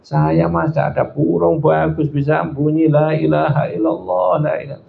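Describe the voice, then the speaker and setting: A man's voice: a little high, flat delivery, normal speed, creaky. A man with a Surabaya accent voicing an old male sheikh teacher who earnestly pleads in sorrow. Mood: grieving earnest. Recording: echoey lo-fi hall.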